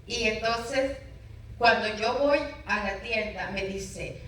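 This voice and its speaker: Middle-aged woman pastor, bright voice, heartfelt storyteller; distant, very roomy sound. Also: fairly high pitch, slow pace, slight background noise. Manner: emotional, storytelling with dramatic retold dialogue. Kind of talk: personal testimony in an interview. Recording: very echoey room, voice from far off.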